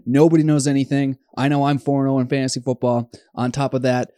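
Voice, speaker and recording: A man's voice: mid-range voice, flat delivery, fast, mellow, no echo, clean studio sound. Upbeat man hosting a sports podcast. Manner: upbeat, hyped, joking. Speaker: podcast host. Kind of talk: casual sports podcast chat.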